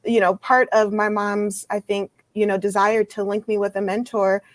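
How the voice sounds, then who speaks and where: A woman's voice: medium pitch, level tone, moderate pace, no room sound, faint music behind. A young woman from Minnesota, a guest in an interview, speaking thoughtfully with frequent ums. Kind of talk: interview talk.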